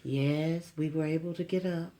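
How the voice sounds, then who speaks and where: A prim, polished older lady with a smooth announcer-style voice, pitched a little lower than the speaker's own and kept steady and gracious, as a woman imitates her. She sounds refined and put-together, like a formal greeting on the phone. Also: moderate pace, roomy sound, crowd noise, natural voice. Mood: genteel.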